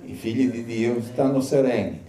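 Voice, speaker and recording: Man preaching in an echoey room. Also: normal speed. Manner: rises to loud, high preaching bursts. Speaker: pastor. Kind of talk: sermon. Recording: echoey room, faint ambience.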